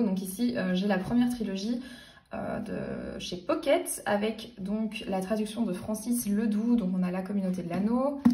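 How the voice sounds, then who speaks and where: A woman's voice: medium pitch, dark tone, recorded from a distance. A woman in her late twenties chatting casually about her book collection, hesitant and full of fillers and restarts. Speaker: book vlogger. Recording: roomy sound, voice a bit off-mic.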